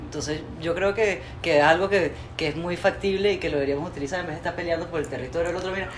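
A woman's voice: lowish voice, racing. A woman hosting an interview, effusive and opinionated, talking in long flowing sentences. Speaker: interviewer host. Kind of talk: casual interview chat. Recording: echoey room with faint ambient noise.

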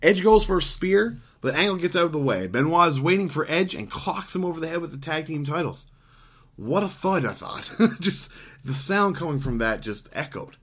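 A man's voice: fairly high pitch, expressive, normal speed, fairly bright tone. Rambling, profane man recapping wrestling. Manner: rambling, profane, laughs often, frequent fillers. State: hiccuping. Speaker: podcast co-host. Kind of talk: casual wrestling recap chat.

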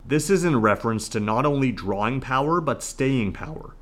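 A man hosting a podcast, giving scripted solo commentary in a measured, announcer-like way. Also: mid-range voice, expressive, a bit bright. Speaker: podcast host.

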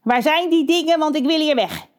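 A greedy crow boss with a blustering, indignant manner, as a woman reading a storybook puts him on. He sits a little high in pitch and pushes his lines out a touch louder than the narration. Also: fairly quick, close to an everyday voice. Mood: impatient. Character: scheming male crow boss, greedy and bossy.

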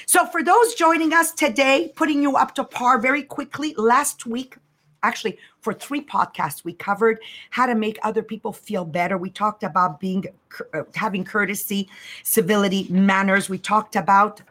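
Animated fifty-something woman podcast host. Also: mid-range voice. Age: 50s. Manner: fast, animated storytelling with acted-out quotes. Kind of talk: casual podcast talk.

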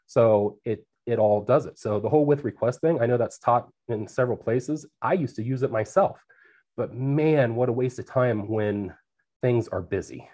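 A man's voice: medium pitch, normal speed, darkish tone. Man, air traffic controller and guest. Plain, practical explainer with easy laughs, speaking over a remote call. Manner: explains plainly, laughs easily, many restarts. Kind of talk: conversational interview.

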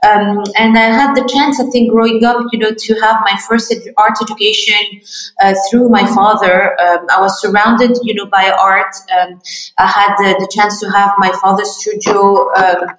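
A woman's voice: medium pitch, flat delivery, normal speed, a bit bright, soft background music. A middle-aged woman from Morocco, founder of an art fair, answering interview questions in a hesitant way full of fillers and restarts. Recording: roomy distant mic.

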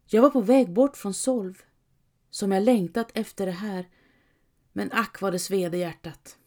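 Mellow-voiced woman reading a story aloud. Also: medium pitch. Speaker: audiobook narrator. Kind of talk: first-person scripted narration.

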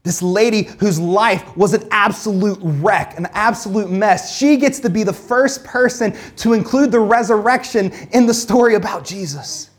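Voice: medium pitch, moderate pace, hardly any pauses. Casual, emphatic Bible teacher. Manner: conversational, with many "like" fillers; emphatic, builds through repeated phrases.

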